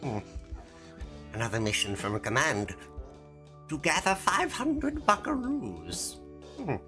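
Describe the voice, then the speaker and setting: A woman's voice: deep voice, big pitch swings, slow, over music, heavily acted. A woman voicing an alien shopkeeper who fakes being human, speaking in a stilted, overly formal way with musing hums. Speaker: streamer playing a shop game.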